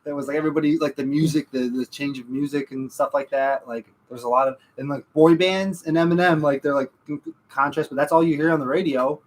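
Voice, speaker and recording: A man who is a parent, co-hosting a podcast in casual chat, rambling with many pauses and fillers. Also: a little high, steady tone. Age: adult parent. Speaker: podcast co-host.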